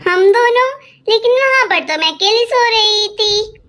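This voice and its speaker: A fretful little girl doll in a homemade doll story, voiced by a woman. Her voice sits very high and shines bright, with a worried, calling tone. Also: animated, measured pace, exaggerated voice. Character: young girl doll, anxious and searching.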